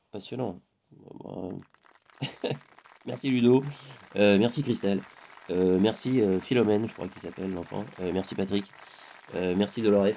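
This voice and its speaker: A man improvising a casual monologue, animated and laughing often as he acts out conversations. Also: lowish voice, gravelly. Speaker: spiritual vlogger.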